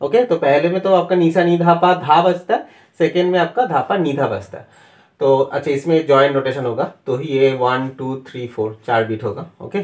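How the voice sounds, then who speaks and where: A young Indian man teaching a harmonica lesson, patiently walking through the notation step by step and slowly calling out the note names. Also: a little high. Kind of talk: music lesson explaining notation.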